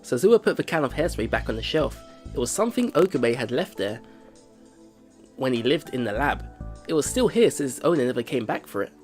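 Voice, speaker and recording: A man hosting a let's play, reading visual novel narration aloud in an expressive storytelling way. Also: mid-range voice, brisk, soft background music.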